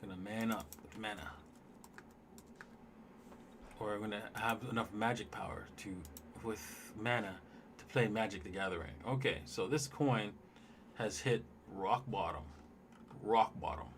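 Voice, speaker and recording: Looking over charts during his casual livestream, a man with a lowish voice rambles loosely to viewers, speaking a little slowly and pausing often. A slight hiss or hum is audible.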